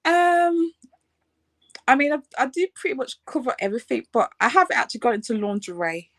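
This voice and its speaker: A woman's voice: high-pitched, a little fast, no echo. A woman in her late thirties from the United Kingdom, a fashion designer chatting casually in an interview, with many fillers and frequent laughs. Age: 30s.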